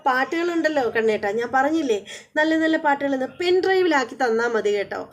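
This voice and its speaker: A woman voicing a sweet, hesitant young wife in a TV serial recap, coaxing and full of trailing pauses. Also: high voice, expressive. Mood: coy.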